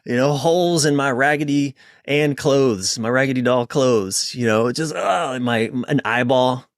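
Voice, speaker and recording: Here a man of medium pitch, a relationship coach guesting on a podcast, recounts personal stories casually and emphatically, occasionally halting and swearing offhandedly. The audio is studio quality, with no room sound.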